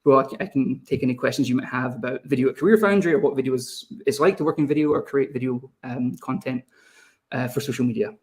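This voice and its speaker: A young adult Scottish man with a mid-range, slightly mellow voice leads a video team and presents a live online webinar. He talks quickly and addresses viewers in the chat.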